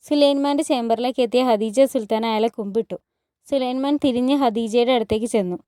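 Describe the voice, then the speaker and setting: A woman retelling a TV drama as casual storytelling narration, in a steady, matter-of-fact way. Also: fairly high pitch, fairly quick, dry recording, clean studio sound. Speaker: storyteller recapping a TV series.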